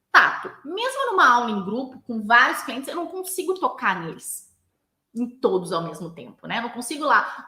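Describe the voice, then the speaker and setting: Brazilian pilates instructor lady explaining stuff, high voice, keeps saying né, echoey room. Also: bright, forceful tone. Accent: Brazilian Portuguese. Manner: explanatory, with frequent "né?" tag questions. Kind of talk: teaching talk to instructors.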